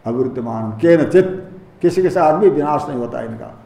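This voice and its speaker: A man's voice: a little high, expressive, moderate pace, mellow, reverberant. A man teaching a scriptural commentary, explaining Sanskrit terms word by word in Hindi and rephrasing each point patiently. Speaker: Vedanta teacher.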